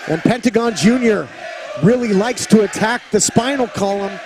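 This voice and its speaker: A man calling a wrestling match play-by-play as an excited commentator, with loud, dramatic calls of the moves. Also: high-pitched, moderate pace, background noise. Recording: loud arena crowd and music behind. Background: cheering crowd and music.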